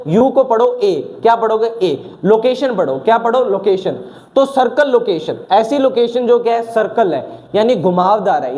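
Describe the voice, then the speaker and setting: Male teacher, slightly sore throat, drills words with repeated questions, high pitch, soft dark tone. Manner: asks questions and answers them himself, repeating key words. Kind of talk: exam vocabulary lesson with question-and-answer drilling.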